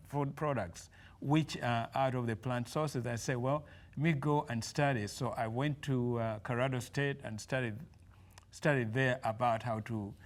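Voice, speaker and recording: A man speaks as a guest on a television talk show. He recounts his path slowly and haltingly, filling pauses and restarting phrases as he goes. His voice sits at an ordinary male pitch. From Uganda. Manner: halting storytelling with fillers and restarts. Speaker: guest, nutritionist. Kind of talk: television interview.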